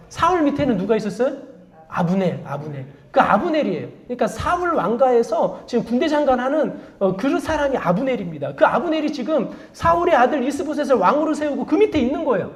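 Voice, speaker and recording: A woman pastor preaching a sermon. She asks the congregation many rhetorical questions, prompts them to repeat after her, and admits her own faults. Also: fairly high pitch. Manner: confessional, self-deprecating asides; call-and-response prompting.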